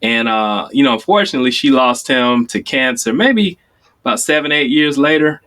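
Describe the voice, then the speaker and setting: A man in his forties from Chicago, telling stories in casual conversation, acting out quoted lines with sudden jumps in pitch. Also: normal speed. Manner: animated storyteller, acts out quotes with sudden high pitch jumps. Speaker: guest.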